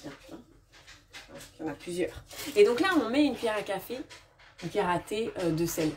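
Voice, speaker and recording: A woman's voice: mid-range voice, animated, fairly quick, a little hiss or hum. Chatty woman demonstrating a recipe in a clattering kitchen. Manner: chatty, many fillers and restarts, answers viewers' comments. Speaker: cooking demonstrator. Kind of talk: live cooking demo chat. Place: home kitchen. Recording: distant mic with kitchen clatter. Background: clinking dishes and utensils.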